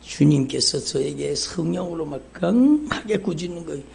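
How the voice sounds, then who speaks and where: A man's voice: a little high, expressive, normal speed, gravelly, darkish tone, a little hiss or hum. A male pastor preaching a sermon in a church, fervent and repetitive, calling out to the congregation again and again. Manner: fervent preaching, repeats "여러분" and "정말로". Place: church sanctuary. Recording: live church service stream.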